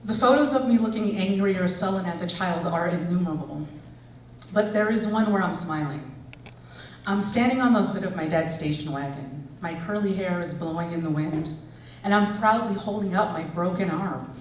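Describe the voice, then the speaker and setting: A woman in her forties, an English professor, reading a personal essay aloud with expressive storytelling. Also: fairly low pitch, moderate pace, far from the mic, a little hiss or hum. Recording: echoey hall, voice from afar.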